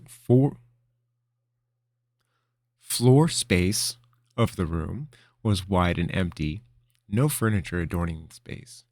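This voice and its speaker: A man reading his own fantasy fiction aloud in a measured, expressive storytelling manner. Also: on the low side, dry recording, studio quality. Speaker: author and narrator.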